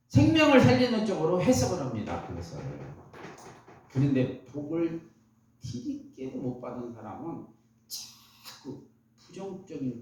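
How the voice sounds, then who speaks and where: A man's voice: mid-range voice, darkish tone. A man giving a motivational talk to an audience, telling stories and asking the crowd questions. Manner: storytelling, asks the audience questions. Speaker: motivational speaker. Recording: very echoey room, heard from a distance.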